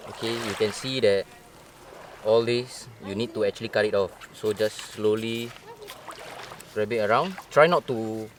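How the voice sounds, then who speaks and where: A man's voice: lowish voice, a little slow, pauses often. A man with a Singaporean accent giving step-by-step coaching in a casual instructional vlog. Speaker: fishing vlog host and guide.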